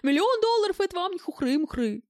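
A woman's voice: extremely high pitch, sing-song, fast talker, darkish tone, dry recording, clean studio sound, pitched above the performer's own voice. A woman reading an audiobook and voicing a sweaty, talkative man who is pedantic and tries to keep the peace. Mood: chatty. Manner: chatty, know-it-all.

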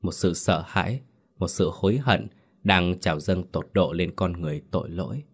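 A man narrating a horror story, in a measured, dramatic reading. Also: deep voice, husky.

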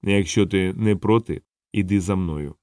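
A man doing Death, low and unhurried. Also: no room sound, studio quality. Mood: calm. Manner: slow, flat, matter-of-fact. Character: Death, calm male grim reaper.

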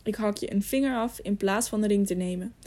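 A gruff, commanding robber chief from a storybook, barking orders in a warm, mellow voice, as a woman reads him aloud. He sounds stern and harsh, used to being obeyed. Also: medium pitch, fairly quick, close to an everyday voice. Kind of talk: audiobook reading.

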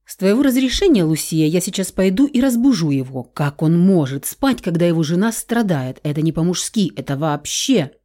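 A woman's voice: on the low side, expressive, moderate pace, hardly any pauses, natural voice. Woman reading an indignant outspoken young woman. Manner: indignant, sharp outbursts.

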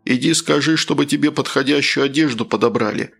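A man's voice: mid-range voice, brisk, a bit bright. A man voicing a blunt, commanding male warrior mentor in an audiobook. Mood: stern. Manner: blunt, commanding, rough-spoken.

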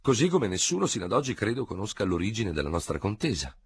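A man's voice: on the low side, very animated, fast, slightly rough, no room sound, clean studio sound, voice pushed up, exaggerated voice. A man voicing a proud, cold French general who speaks with formal, ironic gravity. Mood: coldly ironic.

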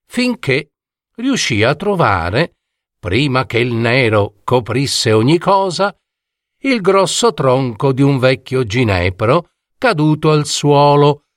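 Man, fairy tale narrator, slow, very lively intonation, dry close sound. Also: fairly high pitch, no room sound. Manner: slow, expressive, dramatic. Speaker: storyteller.

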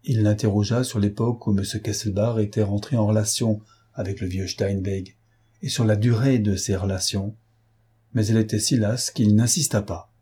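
Husky-voiced male audiobook narrator. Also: fairly low pitch, fairly even intonation, moderate pace, dark tone. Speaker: audiobook reader. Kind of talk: scripted narration.

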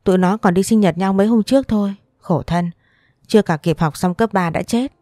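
A woman's voice: medium pitch, fairly quick, warm tone, dry recording, clean studio sound, natural voice. A woman voicing a chatty middle-aged aunt fussing over her niece in an audio story. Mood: fussing concern.

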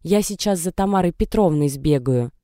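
A man's voice: on the high side, lively intonation, moderate pace, dark tone, no echo, clean studio sound, lightly acted. A man voicing a flustered, fretting grandmother who fires off anxious questions.

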